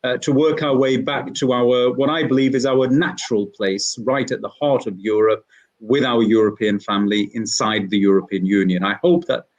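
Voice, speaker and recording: A man from England hosting a livestream panel, earnest and measured, with frequent fillers, on a video call. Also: mid-range voice, steady tone, dull audio. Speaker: panel host.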